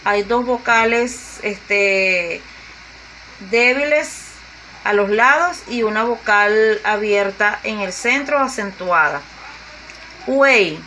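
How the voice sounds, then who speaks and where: A woman teacher, explaining grammar to young pupils slowly and deliberately, repeating her examples. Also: mid-range voice, sharp tone, slight background noise, poor audio. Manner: slow and deliberate, repeating and spelling out examples with fillers. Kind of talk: slow grade-school grammar lesson.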